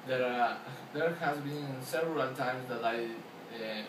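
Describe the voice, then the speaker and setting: A young male student with an Ecuadorian accent and a medium-pitched voice answers interview questions haltingly, full of fillers and restarted sentences. The distant mic puts him across an echoey room, with steady background noise underneath.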